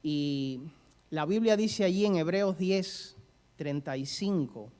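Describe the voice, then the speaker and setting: A man preaches a sermon, telling stories and asking the congregation questions. He speaks slowly with lively intonation, in a fairly high-pitched voice with a darkish tone.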